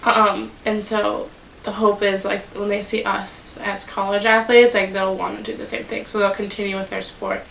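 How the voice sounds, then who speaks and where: Young female student athlete, flat gravelly voice, echoey and distant. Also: medium pitch, moderate pace, a little hiss or hum. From Massachusetts. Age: young adult. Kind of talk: casual interview. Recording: roomy, distant.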